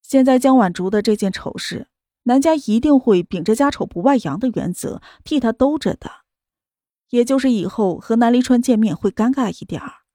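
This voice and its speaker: A female audiobook narrator tells the story in a steady, measured way. Her voice sits a little high but sounds soft and mellow. The recording is dry and close. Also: no room sound. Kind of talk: scripted novel narration.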